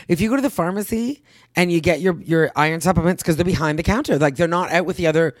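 Rambling, animated middle-aged woman. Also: fairly low pitch, quick pace, dry recording, clean studio sound. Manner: rambling, animated storytelling, acts out her own thoughts, swears casually. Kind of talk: casual chat.

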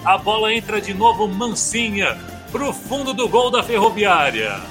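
Explosive high-pitched Brazilian goal commentator, man. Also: expressive, over music. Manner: explosive goal commentary, shouted and drawn-out goal calls. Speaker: play-by-play football commentator. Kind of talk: live football commentary.

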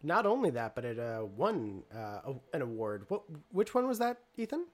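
A man's voice: medium pitch, very animated, normal speed. A man hosting a tabletop role-play podcast, wrapping up the show in an upbeat way with lots of "uh" fillers. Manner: upbeat, promotional, with many "uh" fillers. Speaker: storyteller and podcast host. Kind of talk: podcast sign-off.

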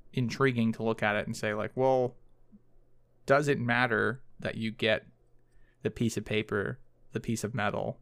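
A man with a smooth, resonant voice speaks in a casual academic conversation. His sound is close and dry, and he reasons carefully, often hedging his points. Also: medium pitch, a bit bright, no room sound.

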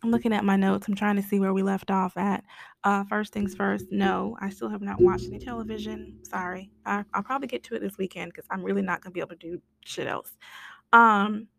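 An American woman hosting a casual solo podcast rant, hoarse with her voice nearly gone, raspy and whispery, speaking bluntly. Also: mid-range voice, flat delivery, brisk, crowd noise. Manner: blunt, complaining, mildly sweary. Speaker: podcast host.

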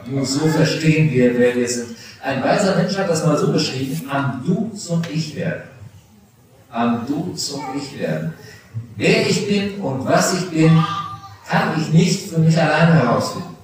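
A middle-aged pastor whose voice is a little high gives a confirmation sermon, speaking directly and personally to teenagers. It was captured from afar in an echoey church, with slight background noise.

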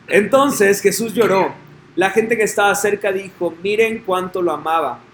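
A man's voice: high voice, moderate pace, a bit bright, slight background noise. A man reading scripture and preaching earnestly, asking listeners direct questions. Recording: echoey room with faint ambience.

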